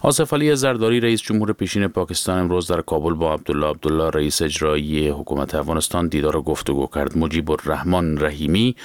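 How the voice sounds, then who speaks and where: A man reading the news in a measured, formal way. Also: a bass voice, no echo. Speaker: newsreader. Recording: dry studio sound.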